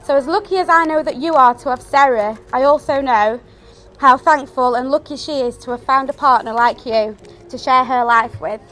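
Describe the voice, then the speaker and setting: High-voiced woman giving a wedding toast speech. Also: normal speed, a bit bright. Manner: earnest, affectionate, read from prepared text.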